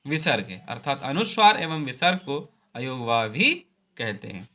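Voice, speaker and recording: A man's voice: on the high side, bright, forceful tone. A man teaching a Hindi grammar lesson, repeating each point and drawing out the vowel sounds.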